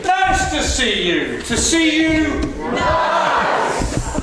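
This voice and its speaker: Echoey noisy stage clip, bloke playing cheeky vain panto fairy, super high camp voice. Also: male voice, very animated, drawn-out words, over a noisy crowd, full character voice. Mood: showy, cheerful. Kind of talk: rhyming stage pantomime acting. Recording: distant echoey noisy theatre recording.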